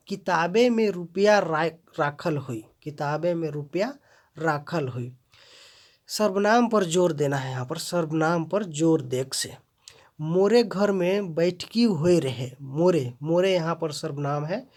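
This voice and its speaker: A teacher giving a recorded grammar lesson, speaking at an ordinary middle pitch. Each example sentence is read out and then unpacked in plainer words. The viewers are often addressed as friends. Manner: reads each example sentence aloud, then translates and explains it. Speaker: language teacher. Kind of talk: explaining grammar in a video lesson.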